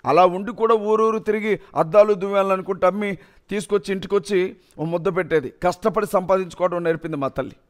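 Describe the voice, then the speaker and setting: A man with a noticeably high voice giving a personal testimony. He tells his story earnestly and with deep emotion. He sounds like a young adult. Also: fast. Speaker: testimony speaker.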